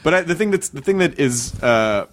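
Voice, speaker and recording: A man's voice: on the high side, lively intonation, noisy background. Man hosting a joking podcast chat. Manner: joking, quick asides. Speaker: podcast host. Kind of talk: casual interview chat.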